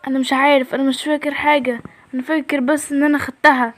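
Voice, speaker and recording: A girl with an Egyptian accent voicing a menacing father who has grown into a giant, in a deepened, slow, threatening drawl. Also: flat delivery, dry recording, close to an everyday voice. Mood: dazed. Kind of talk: toy role-play storytelling.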